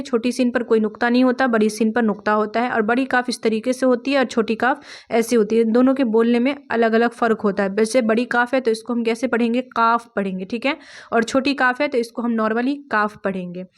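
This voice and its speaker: Patient woman teaching Quran reading. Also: a little high. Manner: slow, drawn-out spelling of letters and vowel marks; patient, repetitive explaining with rhetorical questions. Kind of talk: step-by-step recitation lesson.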